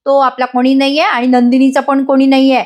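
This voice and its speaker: A woman's voice: high voice, level tone, fairly quick, natural voice. Stern angry older man , read by a woman, scolding. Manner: shouting, stern.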